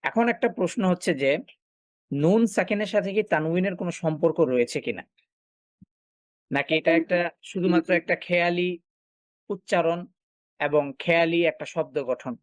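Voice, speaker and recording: A man's voice: a little high, normal speed, long pauses, no room sound. Patient male teacher, dry close sound. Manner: explains step by step, asks and answers own questions; frequent filler sounds while thinking. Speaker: Quran recitation teacher. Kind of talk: online class lecture.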